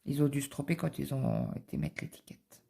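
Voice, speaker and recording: A woman's voice: very deep voice, wildly swooping pitch, brisk, vocal fry, warm tone, slightly rough. A middle-aged woman, chatting casually and rambling through a story while she stitches in her home office. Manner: rambling anecdotal storytelling with many fillers. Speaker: cross-stitch vlogger.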